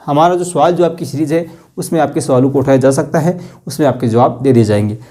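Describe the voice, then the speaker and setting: A man's voice: fairly high pitch, fast, warm tone. A man teaching a Hindi grammar lesson online, explaining with rhetorical questions and repeating stressed example sentences.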